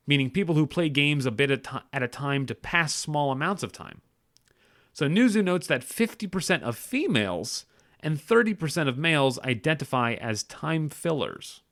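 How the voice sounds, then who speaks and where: Podcast host, male, casual news reader with a lively pitch and sarcastic asides. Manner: reads figures aloud, then riffs with sarcastic asides; self-deprecating, stumbles and corrects himself.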